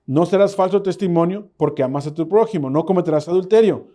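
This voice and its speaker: A man teaching a Bible study sermon to his congregation, reading scripture slowly and asking listeners to repeat key words. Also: sits high, warm tone. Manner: reads scripture slowly and deliberately.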